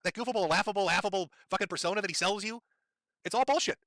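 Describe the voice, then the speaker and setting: A man hosts a commentary livestream, cursing freely and mocking his subject with sarcastic jabs. His high, bright voice comes across dry and close, and he talks fast. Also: no room sound. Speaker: livestream host. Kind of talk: commentary stream.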